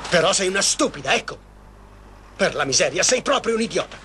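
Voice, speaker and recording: Domineering middle-aged crook, high animated male voice. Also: brisk, exaggerated voice. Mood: angry, menacing. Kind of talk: dubbed TV soap opera acting. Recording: old TV soundtrack, noisy room ambience.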